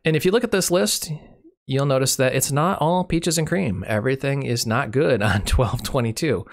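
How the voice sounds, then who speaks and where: A Michigan channel host with a cold and a fading voice walks casually through a screen share, unscripted, correcting himself as he goes and adding dry humor. His mid-range voice is gravelly, and he speaks at a moderate pace.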